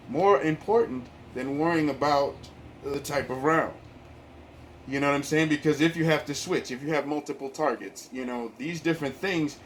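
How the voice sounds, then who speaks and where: A man speaking through a face mask in a casual, rambling opinion vlog, hesitating and repeating words as he goes. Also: fairly high pitch. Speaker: video host. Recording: clear background noise.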